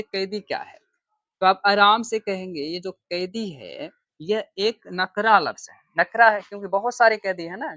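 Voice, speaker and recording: A man's voice: high voice, sharp tone, no room sound. Man teaching grammar in a dry room. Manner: asks himself questions and answers them, repeating key terms; slow, drawn-out stress on terms while writing. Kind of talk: classroom-style grammar lesson.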